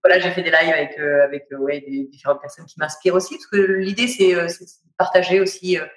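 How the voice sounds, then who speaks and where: A woman's voice: on the low side, fairly even intonation, fast talker, echoey room. A woman from France, an author, speaking as a guest in a casual interview from home and talking in a reflective way with many hesitations. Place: at home during lockdown.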